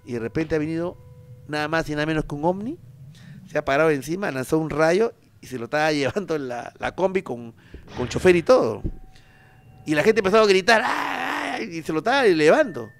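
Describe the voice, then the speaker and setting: A man with a Peruvian accent hosting a paranormal show, telling stories in a loose, slangy, animated way with lots of fillers. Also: a little high, fast talker. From Peru. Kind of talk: casual paranormal storytelling.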